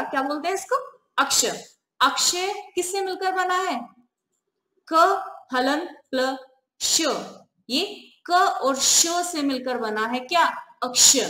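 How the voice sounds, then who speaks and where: Woman teacher, high voice, quizzing and answering herself, slow repeated key terms, echoey room. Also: a bit bright. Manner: asks questions and answers them herself. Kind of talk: classroom grammar lesson.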